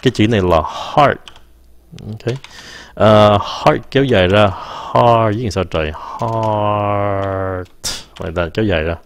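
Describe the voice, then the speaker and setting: A man giving a casual live-streamed English pronunciation lesson, stopping to say words slowly and mixing English phrases into his talk. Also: fairly low pitch, lively intonation.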